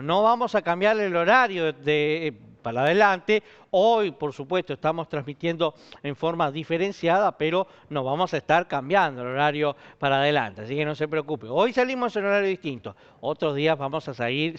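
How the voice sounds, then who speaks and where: Man, Rioplatense accent, pastor, church announcements, informal, smooth voice, muffled recording. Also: fairly high pitch, expressive, moderate pace, few pauses. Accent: Rioplatense Spanish. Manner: informal, chatty, with many fillers. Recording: muffled lo-fi stream.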